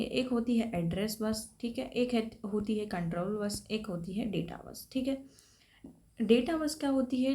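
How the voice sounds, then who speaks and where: A woman's voice: fairly high pitch, a little mellow. A woman teacher explaining computer topics for a competitive exam in a patient lecture style, checking in often with her students. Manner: explanatory, checks in with repeated "thik hai". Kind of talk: classroom lecture.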